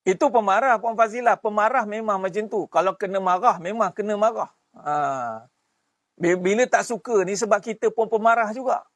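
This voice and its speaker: A middle-aged man with a Malaysian Malay accent giving a casual religious talk, shifting between soft asides and sudden raised bursts. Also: high-pitched, steady tone, normal speed, no room sound, studio quality. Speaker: religious teacher.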